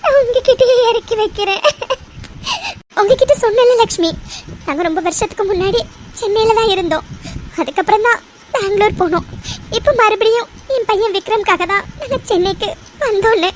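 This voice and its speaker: A woman's voice: very high voice, lively intonation, fairly quick, fairly bright tone, rough recording. A woman voicing an anxious, tearful mother of three in a cartoon, with an emotional, pleading delivery. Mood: sorrowful. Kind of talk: cartoon dubbing. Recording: faint background noise.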